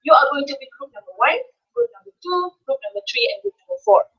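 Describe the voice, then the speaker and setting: A woman from Malaysia giving slow, clear instructions as she leads a workshop activity. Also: very high voice, very animated. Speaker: teacher presenting a workshop. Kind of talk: classroom demonstration. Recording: dull lo-fi classroom recording.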